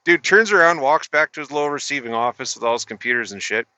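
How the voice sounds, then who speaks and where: Laid-back bright-voiced trucker. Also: male voice, medium pitch, animated, quick pace, no echo, highs cut off. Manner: laid-back, profane, rambling with restarts. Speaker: truck driver vlogger. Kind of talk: casual storytelling to camera.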